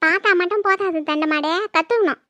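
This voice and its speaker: A performer playing a sharp-tongued older village mother-in-law who nags and scolds her daughter-in-law in a comedy skit. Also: quick pace, no room sound. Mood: nagging. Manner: nagging, shrill scolding.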